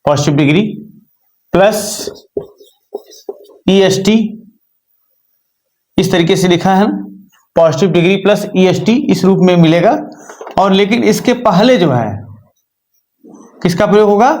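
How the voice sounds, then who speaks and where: A man teaches English grammar in a patient classroom style. His voice sits a little high for a man. He repeats each rule several times and keeps checking in with his listeners. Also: lively intonation, measured pace, long pauses, a little mellow. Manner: repetitive, checks in with "ठीक है" and rhetorical questions. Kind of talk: classroom lesson explaining grammar.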